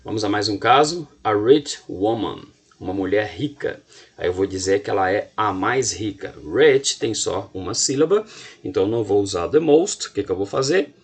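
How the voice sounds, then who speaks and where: A man's voice: on the low side, breathy edge. A man with a Brazilian Portuguese accent teaching a recorded video lesson, explaining step by step and often checking in with his students.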